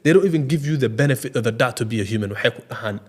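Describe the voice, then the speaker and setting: A man from the Ogaden region, a native Somali speaker, talks very fast in an impassioned, casual discussion. His mid-range voice has lively intonation, and he repeats filler phrases while switching between Somali and English.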